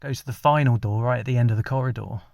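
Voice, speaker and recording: A man, telling an ad-libbed comic story in a rambling, deadpan way with many restarts. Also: mid-range voice, fast, vocal fry, dry recording, clean studio sound.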